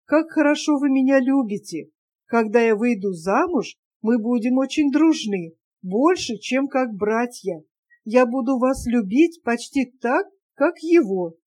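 A woman voicing an excitable, affectionate young woman in love, eager and emotional, in an audiobook reading. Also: fairly high pitch, a little slow.

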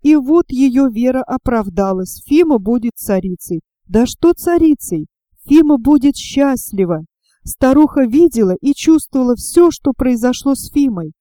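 Woman narrating in a mellow, dark tone. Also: on the high side, no room sound. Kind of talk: audiobook narration of a historical novel.

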